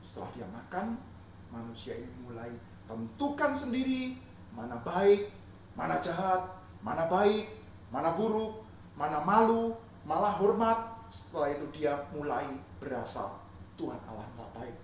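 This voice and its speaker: A man, a pastor and father, telling a Bible story to children at home in a lively, acted-out way. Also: high voice, unhurried, long pauses, slight background noise. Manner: lively, animated, acts out scenes. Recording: echoey room, mic far off.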